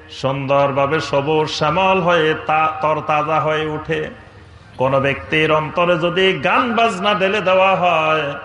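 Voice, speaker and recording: Male preacher, high and forceful delivery, fiery sermon with chanted quotations, roomy echo. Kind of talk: Bengali waz sermon.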